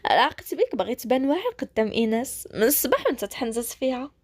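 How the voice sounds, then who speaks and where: A woman's voice: high-pitched, sing-song, racing, a little mellow, no room sound. A woman with a Moroccan accent voicing a bubbly, teasing young woman who is a rookie police officer. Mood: cheeky. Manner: playful, cheeky.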